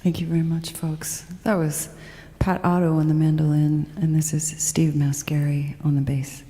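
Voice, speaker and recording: A woman singer-songwriter quietly thanking her band and hosts in a hushed, half-whispered voice after a song. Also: deep voice, flat delivery, moderate pace, in a large hall. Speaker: singer-songwriter performing from home. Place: at home.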